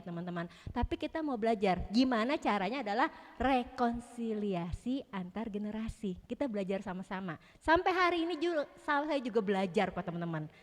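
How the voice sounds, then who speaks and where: Chatty high-voiced woman speaker. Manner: chatty, playful, laughs often, talks to the audience. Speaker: youth church speaker. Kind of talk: casual church youth talk. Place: church hall. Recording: reverberant hall.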